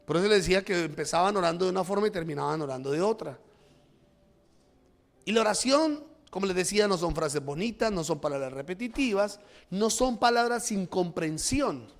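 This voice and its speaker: High-pitched guy preaching in church, gets loud then drops way down, plays out the prayers himself. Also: animated, a little fast. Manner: preaching with emphatic rises and drops, acting out prayers. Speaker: pastor. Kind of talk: sermon.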